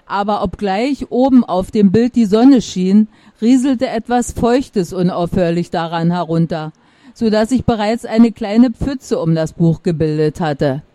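A woman reads a children's story aloud in a calm, unhurried storytelling manner. Her voice is mellow and dark, and the recording is close and dry. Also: medium pitch, dry recording.

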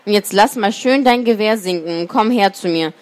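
A woman's voice: mid-range voice, normal speed, natural voice. A woman voicing a big, grumbling bear in a storybook reading.

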